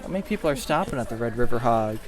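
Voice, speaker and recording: An easygoing man talks casually as a podcast co-host, with a mid-pitched voice and frequent laughs. The recording is outdoors, with a crowd chattering behind him. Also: expressive, racing. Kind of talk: casual chat.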